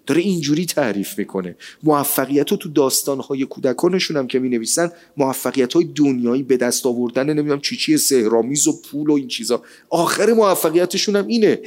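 Animated man preaching a colloquial sermon. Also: mid-range voice. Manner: rhetorical, animated, quotes scripture. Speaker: religious speaker.

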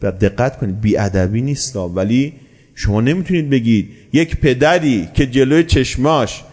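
A man preaches at a medium pitch with a breathy edge to his voice. His storytelling is animated, and he answers the rhetorical questions he poses.

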